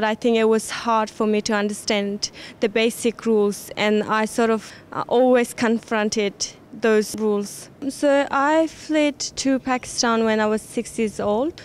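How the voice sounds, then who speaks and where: A woman's voice: medium pitch, a little hiss or hum. Earnest young woman from Afghanistan. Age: young adult. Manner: earnest, thoughtful, with frequent restarts. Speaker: interviewee. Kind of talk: personal account in an interview.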